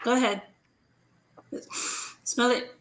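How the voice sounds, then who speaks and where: A woman's voice: slow pace, fairly bright tone. A woman guest on a casual live-streamed chat over a video call, talking in an enthusiastic, gushing way.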